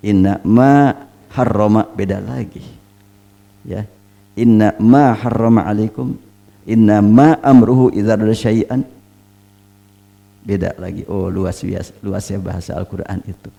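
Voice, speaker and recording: A man, an Islamic teacher, giving a Quran study lecture, emphatic and full of rhetorical questions, reciting Arabic phrases slowly. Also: lowish voice, vocal fry, dark tone.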